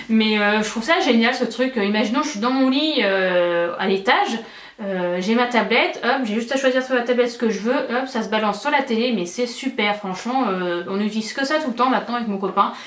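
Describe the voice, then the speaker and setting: A young woman with a slightly high voice chats as a beauty vlogger, enthusiastic and full of hesitant fillers. Her voice rings in an echoey room, recorded by a mic set some distance from her. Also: a little fast. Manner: chatty and enthusiastic, many fillers. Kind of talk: casual chat.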